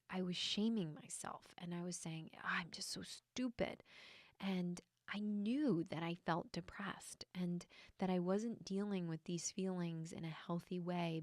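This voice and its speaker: Soft-spoken woman telling a confessional story. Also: on the low side, no room sound, studio quality. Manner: soft-spoken and reflective, hesitant with frequent fillers. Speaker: podcast host and intuitive healer.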